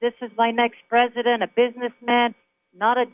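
A woman's voice: fairly high pitch, completely flat delivery, brisk. Woman from Israel, radio call-in guest, emphatic chatty storyteller, tinny phone-line sound. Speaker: caller. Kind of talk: phone interview on talk radio.

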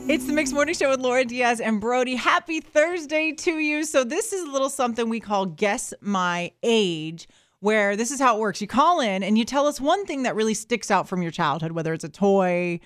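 A woman co-hosting a radio morning show with animated, exclamatory, upbeat chat. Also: fairly high pitch, moderate pace, no room sound, clean studio sound. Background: music bed.

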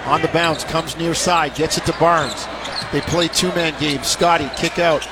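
Live basketball play-by-play comes from a man with a fairly high pitch and steady tone, speaking at a measured pace in short, clipped phrases. Behind him are courtside sounds of the arena crowd and bouncing balls.

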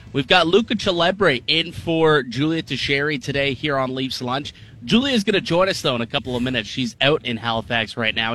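A man's voice: mid-range voice, bright, forceful tone. A man hosting a sports talk show in a studio, speaking conversationally with emphatic enthusiasm. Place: radio studio.

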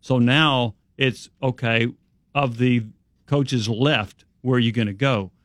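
A man's voice: mid-range voice, fairly even intonation, slow pace, no echo, studio quality. A man hosting a sports talk radio show and fielding calls from listeners.

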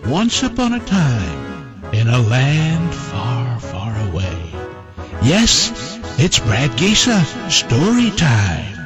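A man plays a theatrical fireside storyteller opening a storytime show for children. The delivery is very slow and drawn out, with big swoops in a slightly raised voice, over clear music. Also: medium pitch, huge pitch swings. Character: grand, theatrical storytime announcer addressing children. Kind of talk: scripted storytelling show intro. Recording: music behind the voice.

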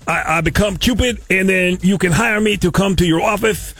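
A man's voice: sits high, normal speed, fairly bright tone, slightly rough, faint music behind. A man making a prank call on a radio show, rambling and stammering in a goofy way.

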